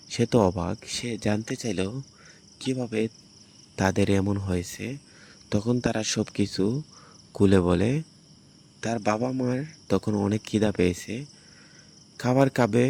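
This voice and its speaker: A man's voice: fairly low pitch, vocal fry, darkish tone, slight background noise. A man narrates the story of a film as a movie recap.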